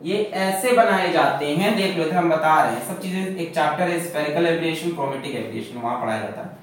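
A man teaching a physics lecture, lively and full of rhetorical questions, mixing English terms into his explanation. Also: a little high, a little fast, slight background noise. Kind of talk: classroom lecture. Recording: echoey classroom from far off.

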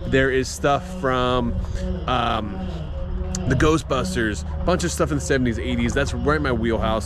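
Speaking in a mid-range voice over background noise, a middle-aged collectibles reseller vlogs to camera at an auction house. His commentary is chatty and casual, and he thinks aloud as he goes, often restarting his sentences.

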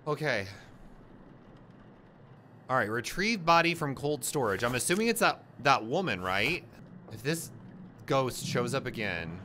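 A young man giving casual, jokey let's-play commentary on a horror game, with loud, jumpy reactions. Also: medium pitch, sing-song, unhurried, long pauses, a little hiss or hum. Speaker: gaming YouTuber.

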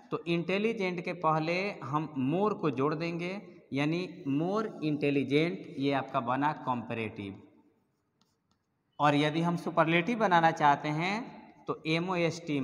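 A man's voice: fairly high pitch, long reverb tail. A male English teacher explaining a grammar lesson step by step, often spelling words out letter by letter.

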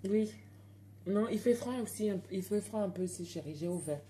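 A woman's voice: medium pitch, a little fast, dark tone, a little hiss or hum. A woman with an African French accent, telling stories and chatting straight to her viewers on a casual live stream from home at night.

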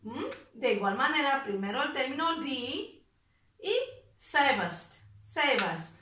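A woman teaching an English grammar lesson, explaining step by step and repeating words slowly. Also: high-pitched, lively intonation, sharp tone, reverberant, distant mic, slight background noise.

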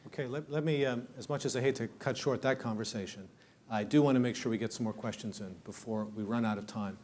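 A man moderates a panel's audience questions, brisk and courteous as he moves the session along. His voice sits at an ordinary middle pitch. He speaks in a wood-panelled hall full of seated listeners. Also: darkish tone. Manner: brisk, polite, keeps time.

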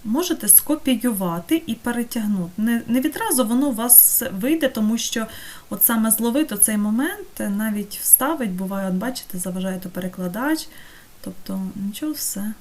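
A woman teaching an online course, talking through a screen-recorded software tutorial step by step and checking in with her students. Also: on the high side, animated, normal speed. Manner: patient, step-by-step, checks in with "так?".

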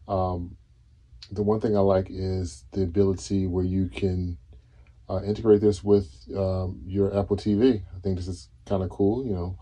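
A man in his thirties talking casually to camera in a solo tech video, relaxed and full of fillers and restarts, seated indoors. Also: deep voice, slightly rough. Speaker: tech vlogger. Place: dim indoor room, seated on a couch.

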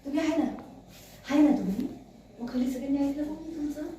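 A woman playing a flustered young wife in a TV serial scene, loud, agitated and half-laughing. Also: sits high, a little fast, lightly acted. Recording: echoey room from far off.

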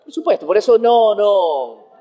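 A man's voice: sits high, measured pace, crowd noise. A man, a guest comedian chatting in an interview, rambling and laughing as he talks. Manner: animated, rambling, laughs while talking. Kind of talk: casual interview chat.

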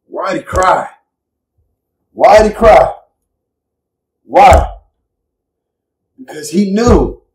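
A man's voice: high-pitched, a little mellow, recorded from a distance. Impassioned male preacher in an echoey room. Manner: impassioned, repetitive, emotional. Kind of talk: sermon.

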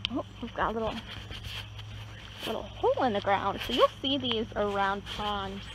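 A woman's voice: mid-range voice, moderate pace. A woman acting as a nature guide, giving a casual, chatty explanation with many fillers, outdoors beside a pond. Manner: relaxed, chatty, many fillers and hedging words. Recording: outdoor recording with clear insect and cricket noise. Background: crickets and insects in a rural setting.

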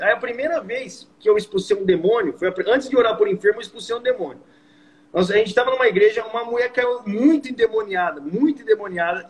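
A young man in his twenties with a Brazilian accent, telling a story as a guest in a casual, slangy, animated way. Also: extremely high pitch, low-quality recording. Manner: slangy, animated, peppered with "mano" and "velho". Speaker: guest preacher.

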